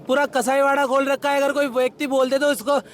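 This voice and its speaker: A man speaking at a very high pitch pours out angry demands in rapid, heated complaints. He is outdoors at a protest. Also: flat delivery. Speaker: victim's relative. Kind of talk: heated street interview.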